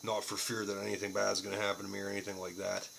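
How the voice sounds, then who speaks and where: A man's voice: lowish voice, completely flat delivery, racing, creaky, fairly bright tone, a little hiss or hum. A man giving a casual, unscripted product review to camera, plain-spoken and casually profane.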